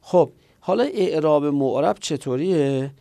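A man with a gravelly, creaky voice teaches grammar in an explanatory lesson. He moves through each point step by step. He poses questions and answers them himself, the way a patient teacher does. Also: fairly high pitch, dark tone. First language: Persian.

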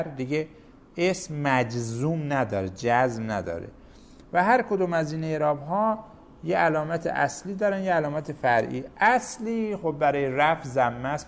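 A man teaching a grammar lesson, explaining rules step by step with examples. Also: a little high.

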